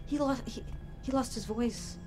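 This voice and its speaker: A woman's voice: on the high side, normal speed, music in the background, natural voice. An actress playing a nervous but determined young woman on the run in a video game. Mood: nervous, improvising. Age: young adult.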